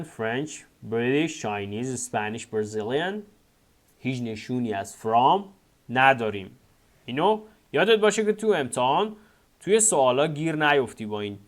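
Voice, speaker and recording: Lively man teaching a textbook lesson. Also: mid-range voice. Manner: lively, repeats example sentences slowly. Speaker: English teacher.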